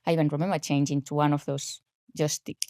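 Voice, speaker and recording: This health coach, a Spanish-accented woman in her forties raised in Spain, talks quickly in a deep, dark voice with little pitch movement. As a podcast guest in a casual interview, she sounds hesitant and uses many filler words.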